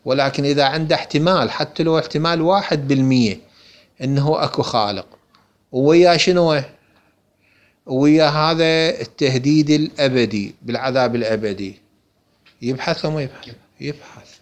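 A religious teacher with an Iraqi Arabic accent gives a lesson explaining a book, posing rhetorical questions and answering them himself. His voice is fairly high, his speed normal, and he pauses often.

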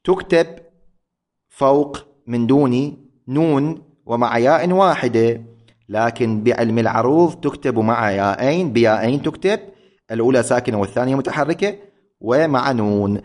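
A man giving a lecture on poetic metre, slowly chanting syllables and metre patterns and often correcting himself. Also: medium pitch, darkish tone. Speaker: teacher.

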